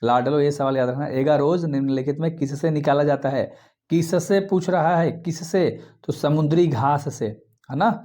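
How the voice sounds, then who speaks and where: A man with a Bihari Hindi accent teaching exam questions quickly, repeating answers and coaxing his students. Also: medium pitch, dark tone. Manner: fast, repetitive, coaxing students.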